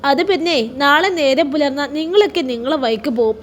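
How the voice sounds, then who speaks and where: A woman voicing a devoted widowed mother who speaks softly and with emotion in a storybook reading. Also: sits high, lively intonation, brisk, a little hiss or hum. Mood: gentle.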